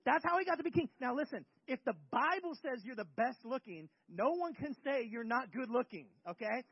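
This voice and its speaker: A man's voice: extremely high pitch, animated, fairly quick, husky, no room sound. A male pastor giving a casual, joking sermon, acting out scripture scenes, in a muffled lo-fi recording. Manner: conversational, joking, acts out bible characters.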